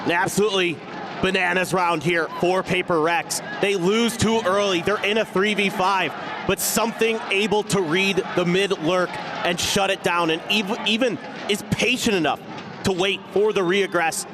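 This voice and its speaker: Higher-voiced male esports caster, analytical. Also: steady tone, moderate pace, crowd noise, background noise. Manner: conversational, explanatory.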